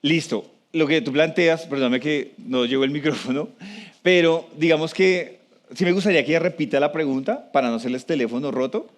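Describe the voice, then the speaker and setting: A man with a fairly high voice gives a talk to a live audience. He speaks conversationally, often turns to the room with questions, and slows down to stress key points. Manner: slows down for emphasis.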